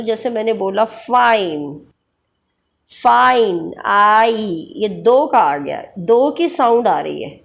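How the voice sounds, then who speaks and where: Give me a woman teacher, speaking slowly, who reads exam questions in English and explains them in Hindi. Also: on the high side, darkish tone. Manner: spells out terms letter by letter. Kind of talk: exam-prep lecture mixing Hindi and English.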